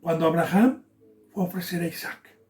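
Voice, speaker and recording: A male pastor from Mexico preaching a Bible sermon, swelling loud when he quotes scripture and dropping almost to a whisper between. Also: fairly high pitch, fairly even intonation, a little fast.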